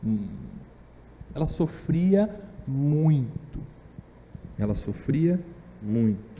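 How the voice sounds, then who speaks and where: A man's voice: medium pitch, animated, very slow, warm tone, long reverb tail, slight background noise. A man with a Brazilian Portuguese accent teaching a Sunday Bible class, emphatic, repeating key phrases and asking the class rhetorical questions. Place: church hall.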